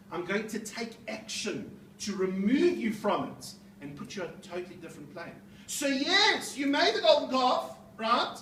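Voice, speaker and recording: High-voiced rabbi lecturing in echoey room. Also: male voice. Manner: animated, keeps asking the audience questions with tag "right?". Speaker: rabbi and motivational speaker. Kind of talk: seminar talk to a live audience. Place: seminar room with audience. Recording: echoey room, mic far off, faint noise.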